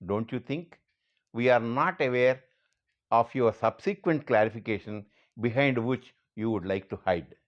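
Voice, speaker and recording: A man's voice: mid-range voice, dull audio. A man with an Indian accent delivering a scripted monologue, speaking earnestly and directly to the person he addresses.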